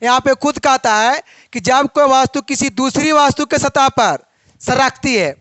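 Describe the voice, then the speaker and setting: A young man teaches a physics lesson and keeps asking questions that he answers himself. His voice is very high and smooth. The recording is dry and close. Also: measured pace, pushed and bright, no echo.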